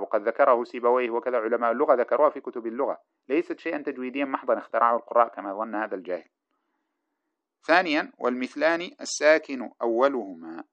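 A man teaching a classroom lecture, reading a grammar text aloud and explaining it line by line in a brisk, explanatory way. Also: medium pitch, fairly bright tone. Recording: dull lo-fi recording.

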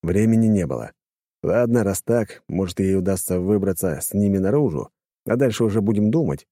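A male audiobook narrator reads a first-person story in a measured, expressive way. His low, dark voice moves through a lively pitch range. The sound is close and dry, with no room around it. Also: no room sound.

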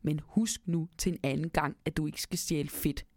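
A woman's voice: deep voice, fairly even intonation, darkish tone, no echo, studio quality, natural voice. A woman voicing a clever, bossy male Christmas elf who scolds a mouse, in a storybook reading. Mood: scolding.

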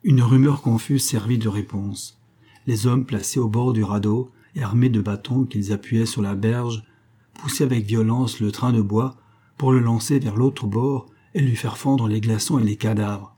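A man reading a classic novel aloud as an audiobook narrator, in a measured and even literary style. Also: mid-range voice, husky.

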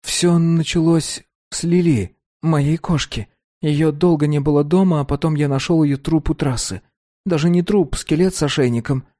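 A man reading an audiobook voices an anxious, eager fifteen-year-old boy who rushes his words. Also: natural voice. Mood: earnest. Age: 15 (figure). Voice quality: high, pleading, breathless voice. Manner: earnest and rushing, voice climbing when excited. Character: anxious, eager teenage boy obsessed with vampires. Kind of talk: audiobook character voice.

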